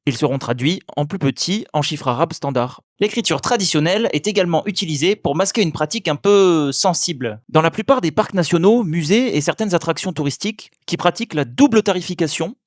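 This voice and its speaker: A man teaching language, giving scripted, methodical explanations and slowly sounding out example words. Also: a little high, no room sound, studio quality. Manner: clear, methodical explanations with slow demonstrated pronunciations. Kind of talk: scripted educational narration.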